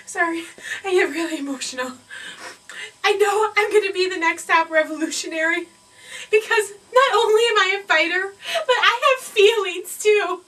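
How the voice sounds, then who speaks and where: Melodramatic young contestant, played by a woman; very high and bright, distant mic. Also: brisk. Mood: teary. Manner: melodramatic, teary diary confessions. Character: emotional young female reality-show contestant. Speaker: narrator and contestant.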